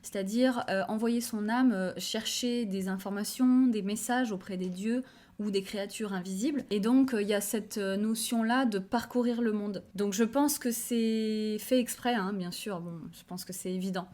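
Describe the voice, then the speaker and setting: A young woman with a mid-range, slightly mellow voice talks at a moderate pace about Norse history and myth for her channel. It's casual educational commentary, with her thinking aloud and hesitating often.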